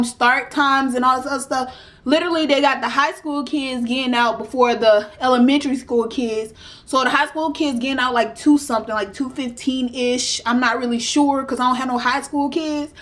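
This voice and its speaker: A young woman, casually telling a story to her vlog audience and acting out what people said. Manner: animated retelling, acts out quotes with rising pitch. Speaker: vlogger.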